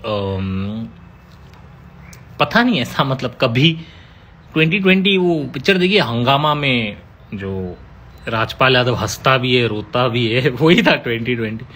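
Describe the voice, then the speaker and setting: A man chats on a live stream, answering viewers with playful, teasing banter. His voice sits at an everyday middle pitch. A faint hum of room noise sits under the talk. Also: expressive, a little slow, fairly bright tone. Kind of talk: casual live-stream chat.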